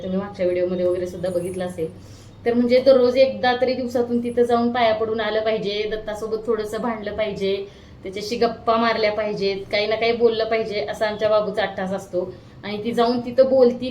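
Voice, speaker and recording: A woman's voice: medium pitch, darkish tone, a little hiss or hum. A woman in her thirties from Maharashtra, chatting casually on a family vlog and coaxing a toddler with questions, recorded on a handheld phone. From Maharashtra, India. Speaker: family vlogger and mother.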